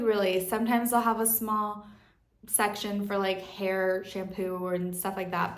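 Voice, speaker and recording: A young American woman telling her channel what surprised her abroad, chatting casually and filling her talk with "like". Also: mid-range voice. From United States. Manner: chatty, lots of "like" fillers. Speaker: vlogger. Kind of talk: casual vlog chat. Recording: echoey room.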